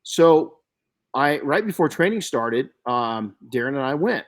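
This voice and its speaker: An older man hosting a podcast, telling stories in an animated way with frequent restarts. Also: mid-range voice, a little slow. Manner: animated storyteller with many restarts. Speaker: podcast host. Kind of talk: casual podcast chat.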